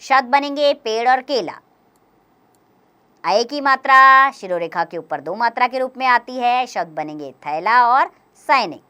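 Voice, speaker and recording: A woman teaching a grammar lesson for young children, explaining slowly and clearly, step by step. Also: on the high side, animated, sharp tone.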